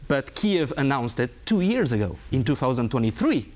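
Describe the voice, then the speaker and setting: A man's voice: mid-range voice, sing-song, moderate pace, darkish tone. Emphatic male guest. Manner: emphatic, pointed, rhetorical questions. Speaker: guest, former diplomat. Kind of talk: interview answers.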